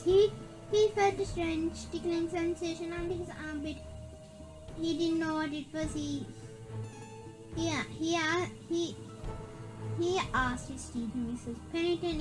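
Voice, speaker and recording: A high voice on a low-quality recording reads a spooky children's story aloud, stumbling over words and repeating some as they go. Music plays in the background.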